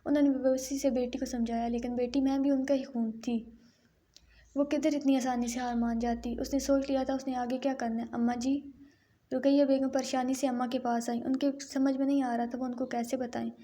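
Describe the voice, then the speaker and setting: A woman narrating a romance novel aloud in a steady, even storytelling manner. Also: high-pitched. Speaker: audiobook narrator.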